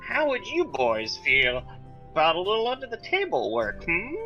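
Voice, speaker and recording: An eccentric, chatty alchemist shopkeeper, put on by a man, pitched high and sounding sharp and bright. He rambles eagerly and leans into a conspiratorial sales pitch. Faint music plays behind. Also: wildly swooping pitch, normal speed, highs cut off, full character voice.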